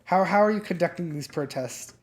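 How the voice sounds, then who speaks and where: Halting, casual game master. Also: medium pitch, slight background noise. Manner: casual, halting, full of fillers. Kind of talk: narrating a tabletop game.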